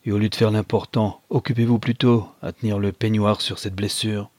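A man voicing a curt, practical police officer with a brisk, scolding manner. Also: on the low side, little pitch movement, a little mellow, no room sound, lightly acted.

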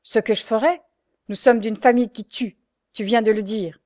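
A humble young knife-grinder from a classic storybook who has finally found his courage. He speaks loudly, firmly and fiercely. A woman narrator acts him out, lifting her voice for his defiance. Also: fairly high pitch, fairly even intonation, moderate pace, lightly acted. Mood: defiant. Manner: loud, fierce, resolute.

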